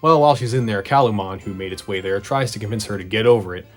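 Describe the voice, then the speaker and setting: Fast-talking sarcastic man, low-pitched. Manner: sarcastic, conversational, swearing. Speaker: host of a video retrospective. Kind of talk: casual scripted recap narration. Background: background music.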